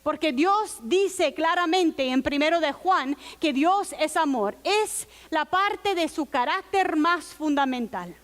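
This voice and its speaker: A woman's voice: sits high, lively intonation, slow pace, few pauses. A woman pastor preaching a sermon in an earnest, personal storytelling manner. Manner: earnest, personal storytelling with quiet quoted asides.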